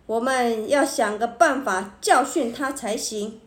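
A woman's voice: high-pitched, animated, slow, echoey room. A woman playing a sulky, scheming barber. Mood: angry. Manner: sulky, cold. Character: resentful village barber man, scheming.

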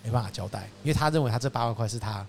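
A man with a Taiwanese Mandarin accent, a used car dealer telling stories in an animated, casual chat. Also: very fast, gravelly, a little hiss or hum. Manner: animated, acts out customers and his father with rising pitch and laughter.

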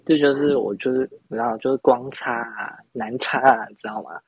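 In a laid-back podcast chat, a young host from Taiwan wanders through a story at his own expense, full of false starts and laughter. He speaks at a normal pace in a mid-range voice with a breathy edge, on a lo-fi recording without echo.

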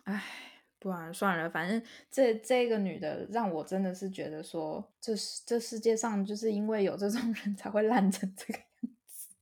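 A young woman chats on a casual podcast. Her voice is husky and breathy at a middle pitch. She exclaims and reacts with outspoken opinions. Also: moderate pace, darkish tone. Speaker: podcast co-host. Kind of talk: casual chat.

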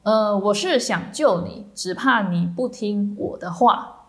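A woman voicing a compassionate Buddha in a story, speaking gently and patiently. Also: medium pitch, a little slow, natural voice.

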